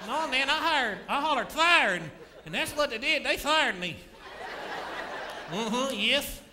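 A cocky pelican puppet, voiced by a man with a high, squawky pitch and a sassy, mocking drawl. It is recorded live on stage, and a noisy theater crowd can be heard clearly in the background. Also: animated, unhurried. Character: cheeky wisecracking male pelican puppet.

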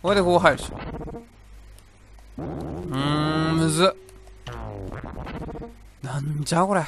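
A young gameplay commentator mutters and rambles to himself as he plays a video game, breaking into exclamations along the way, with game music in the background. His voice is a little high and creaky, and he talks a little slowly.

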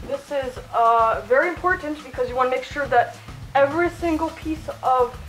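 A woman's voice: high voice, normal speed, a bit bright, roomy sound, poor audio. A woman hosting a playful cooking tutorial in a home kitchen, chatty and mock-instructional, talking from inside a costume head. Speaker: channel host cooking in fursuit.

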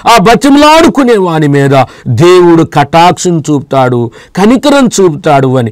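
A man from Andhra Pradesh preaching on television, his fairly high voice swinging widely up and down as he repeats his words over and over. He calls the listeners beloved children of God and pleads with them directly. The sound is close and dry, with no room echo. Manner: repetitive, pleading preaching with sweeping rises and drops. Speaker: pastor. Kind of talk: televised sermon and closing prayer.

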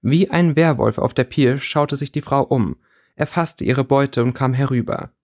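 A man's voice: medium pitch, a little slow. Man reading a story aloud. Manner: steady, with small slips. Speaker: audiobook reader. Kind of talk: reading fan fiction aloud.

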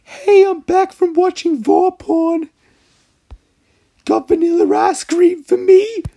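A man doing a squeaky chirpy girl customer. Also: steady tone, slow pace, dark tone, heavily acted. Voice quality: squeaky falsetto. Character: perky young woman cafe customer.

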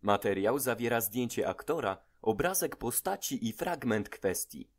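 A man hosting a dubbing channel, reading an even, informative scripted introduction. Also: medium pitch, moderate pace. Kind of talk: scripted narration.

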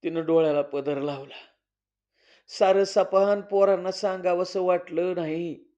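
A man narrating a novel as a storyteller, with measured storytelling delivery. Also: high voice, fairly even intonation, mellow. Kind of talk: audiobook narration. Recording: slightly dull lo-fi recording.

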